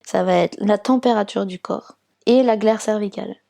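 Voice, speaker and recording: A woman's voice: mid-range voice, moderate pace, creaky, warm tone. A woman from France, a fertility awareness counsellor, explaining her work patiently step by step in an interview, with frequent fillers.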